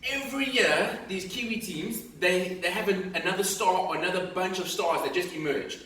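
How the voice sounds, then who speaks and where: A man's voice: high-pitched, normal speed, bright, forceful tone, very echoey, recorded from a distance, slight background noise, poor audio. A man co-hosting a rugby talk show, teasing and joking in slangy casual banter. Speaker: podcast co-host. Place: studio.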